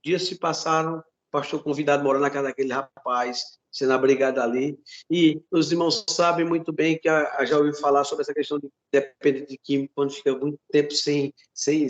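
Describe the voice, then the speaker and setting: A man's voice: fairly high pitch, little pitch movement, brisk, few pauses, muffled recording. A Brazilian man preaching a sermon as pastor, fervent and repetitive, often calling out to his listeners as brothers. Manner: fervent, repeats words, addresses listeners as brothers. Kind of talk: sermon with a retold testimony.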